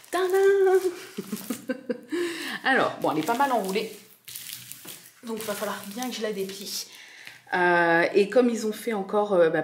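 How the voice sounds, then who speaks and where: A French woman with a French accent, chatting casually and enthusiastically as she unboxes a craft kit, full of fillers and repeated words. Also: mid-range voice. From France. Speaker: crafting vlogger.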